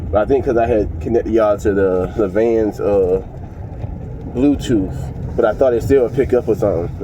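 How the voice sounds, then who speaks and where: A man with a congested voice talks to his viewers from the driver's seat. His voice sits low, and he rambles loosely with plenty of fillers. The sound is dull and lo-fi, with loud road noise underneath. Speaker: vlogger. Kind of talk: casual talk to viewers while driving. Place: inside a moving vehicle.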